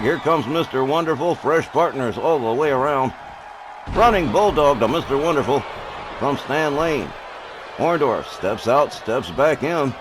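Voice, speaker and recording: A clearly noisy recording carries a man working as a wrestling commentator. His voice sits at a medium pitch. He calls the action move by move in short, clipped phrases, punctuated with exclamations.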